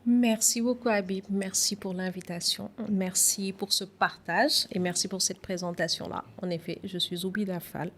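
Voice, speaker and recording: A woman from Senegal, a guest on a podcast interview, speaking in a reflective, measured way with some hesitations. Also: medium pitch, fairly even intonation, fairly bright tone, slight background noise.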